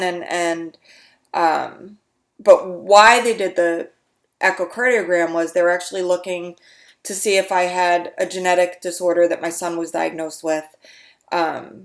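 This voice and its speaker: A woman explaining her own heart condition in a casual video diary, halting and slightly out of breath, with frequent restarts. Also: fairly low pitch, gravelly.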